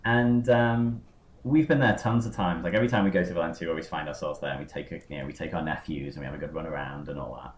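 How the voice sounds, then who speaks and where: A man's voice: extremely low pitch, quick pace, slight background noise. A man hosting a podcast, rambling through a casual chat with lots of fillers and tangents. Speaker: podcast host. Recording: roomy echo.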